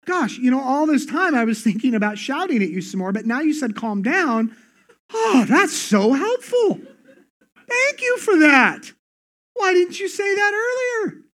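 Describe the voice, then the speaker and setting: A man voicing a sarcastic, irritated adult who mocks being told to calm down. He speaks with exaggerated gratitude and climbs high in pitch. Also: brisk, hardly any pauses. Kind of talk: sermon anecdote impression.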